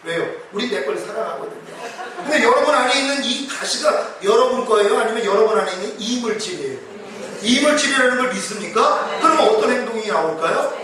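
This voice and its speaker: A man's voice: very high voice, animated, fast talker, crowd noise. A male pastor preaching an emphatic revival sermon, acting out quoted prayers. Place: church hall. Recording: very echoey hall, distant mic.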